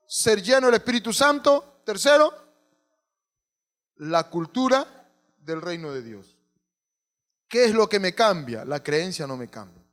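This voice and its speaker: Pastor guy preaching, really high voice, swings up and down a lot, keeps asking the church questions. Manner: preaching with rhetorical questions to the congregation. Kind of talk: sermon.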